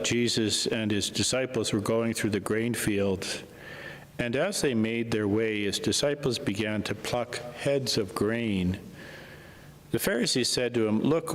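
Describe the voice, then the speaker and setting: A man, a priest, reading the gospel and preaching a homily in a slow, measured way, his voice ringing in the long reverb of a large church. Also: fairly low pitch. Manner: slow, measured, unhurried delivery.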